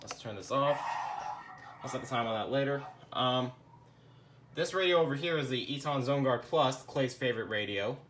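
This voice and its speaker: A young man rambles casually through his radio collection, showing it off in a laid-back way and muttering the occasional mild curse. His voice sits in the mid range, a bit bright, at a moderate pace, with a little hiss or hum in the recording.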